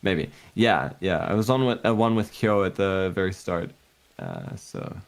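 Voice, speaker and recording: A man chatting casually as a guest on a stream, easygoing and admiring, in halting phrases. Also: low voice, very animated, creaky. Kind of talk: casual chat.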